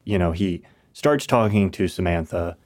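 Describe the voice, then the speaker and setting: A man's voice: deep voice, moderate pace, darkish tone. A man co-hosting a film podcast, thinking aloud in a reflective, casual way and restarting his sentences as he goes. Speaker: podcast co-host.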